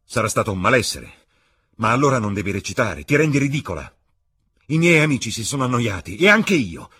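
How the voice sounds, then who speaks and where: A man's voice: mid-range voice, sing-song, brisk, sharp tone, slightly rough, no echo, voice pushed up, heavily acted. A man reading an audiobook, voicing a young aristocrat who speaks in a cutting, disdainful way. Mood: scornful.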